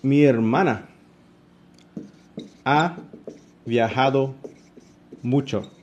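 A man with a Mexican Spanish accent teaching an online class, his voice sitting at an ordinary middle pitch. He talks slowly and patiently and stretches out each example so that learners can follow. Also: lo-fi sound, slight background noise. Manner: slow, patient explaining with drawn-out examples. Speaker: English teacher. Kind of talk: live online class explanation.

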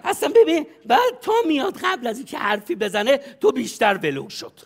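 High-voiced brash man in comedy sketch. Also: very animated, gravelly, noisy background. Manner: brash, bossy, laughs often while coaching. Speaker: comic advisor in a sketch. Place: studio stage.

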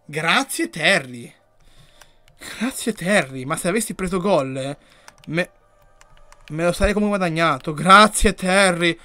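A man giving live commentary while he plays a video game. He reads the chat aloud and yells and swears when the game goes wrong. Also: fairly high pitch, expressive, measured pace, pauses often, dry recording. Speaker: gaming streamer.

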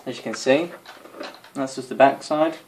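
In a small bedroom, a tired-sounding young man rambles casually through a toy demo for the camera, speaking in a mid-range voice at a normal speed. He's a vlogger filming on a phone or camera at arm's length, and the mobile audio picks up faint noise and clicks.

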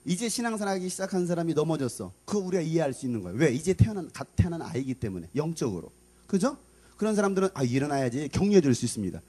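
Animated husky male pastor. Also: very fast. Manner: animated, acts out scolding mothers in shrill voices. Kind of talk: youth sermon. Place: church hall.

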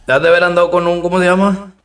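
A man's voice: sits high, flat delivery, rapid-fire, fairly bright tone, recorded from a distance. A man with a Mexican accent, streaming a game live, chatting in slang and thanking viewers between rounds.

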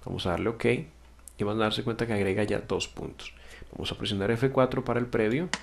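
Against a noisy background, a man patiently teaches music software in a screen-recorded tutorial, going step by step, fixing his own slips and asking "ok?". His voice is fairly low and gravelly, brisk, with fairly even intonation.

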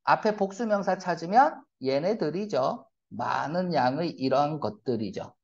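A man's voice: fairly high pitch, animated, moderate pace, creaky, darkish tone. A man teaching English reading in a classroom lecture, asking rhetorical questions and making blunt, slangy asides. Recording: dull lo-fi lecture recording.

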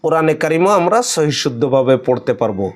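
A man's voice: a little high, expressive, fast talker. A man from Bangladesh with a Bengali accent, teaching Quran reading in a lesson, spelling out each letter and vowel mark and then blending the syllables. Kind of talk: slow spelling-out recitation lesson.

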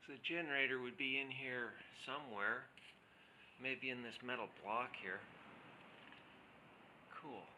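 A man's voice: mid-range voice, fairly even intonation, measured pace, pauses often. A man exploring an old wind turbine, casually musing aloud about what he finds, recorded outdoors on a body-worn action camera. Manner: curious, musing aloud while climbing and poking around. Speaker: urban explorer vlogger. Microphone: body-mounted action camera. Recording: loud wind noise on an outdoor camera mic.

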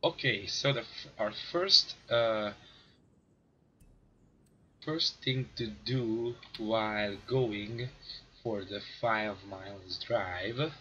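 A man with a cold, hoarse and raspy, rambling through casual gameplay commentary as a gaming video host and clearing his throat now and then. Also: on the low side, extremely slow, bright, forceful tone, dull audio, slight background noise. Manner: rambling, self-mocking, clears throat often.

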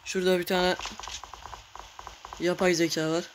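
Excitable man narrating his own gameplay. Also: high voice, measured pace, background noise. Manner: excitable, cursing, talking to viewers while playing. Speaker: gamer. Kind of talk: casual gameplay commentary.

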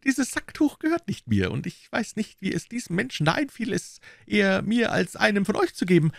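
A man's voice: sits high, sing-song, a little fast, creaky, no room sound, clean studio sound, voice pushed up, heavily acted. A man voicing a cold, haughty young male musketeer with icy, disdainful courtesy in an audiobook reading. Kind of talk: audiobook character voice.

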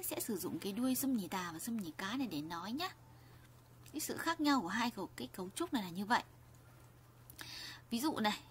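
A woman's voice: mid-range voice, slight background noise. A woman teaching a grammar lesson, often restarting phrases and asking her viewers questions. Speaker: Korean language teacher.

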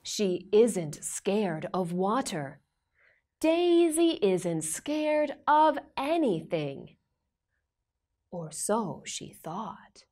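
Slow, sing-song woman reading to a toddler. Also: medium pitch, a little mellow. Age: young adult. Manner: reading to a toddler, with simple questions and exaggerated expression. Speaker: storyteller for children. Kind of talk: read-aloud picture book storytelling for young children. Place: indoor studio with plain backdrop.

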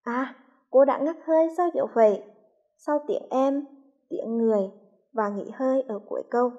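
A woman from Hue with a Vietnamese accent, a primary school teacher reading a lesson slowly and clearly to young children. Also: high voice, mellow, dull audio. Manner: slow, clearly articulated, patient.

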